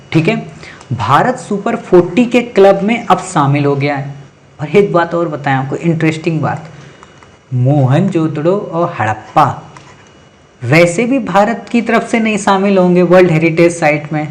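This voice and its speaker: A man teaching an exam-prep lecture, talking straight to his students, repeating key points and checking often that they follow. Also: sits high. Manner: addresses students directly, keeps checking with "ठीक है" and "समझ गए".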